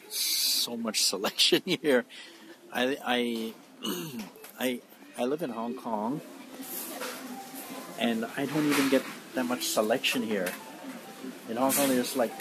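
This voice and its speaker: A middle-aged man vlogging on his phone while walking through a large supermarket, amazed and rambling with fillers. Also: mid-range voice. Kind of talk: casual walkthrough vlog. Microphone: phone held while walking. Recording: noisy phone recording in store. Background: store ambience.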